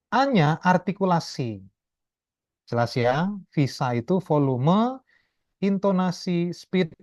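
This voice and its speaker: A man lecturing a class over a video call, explaining step by step in a chatty way and often tagging his sentences with quick checks. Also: a little high, a little mellow, no echo, lo-fi sound. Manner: chatty, explanatory, keeps adding tag questions. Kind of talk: online class talk.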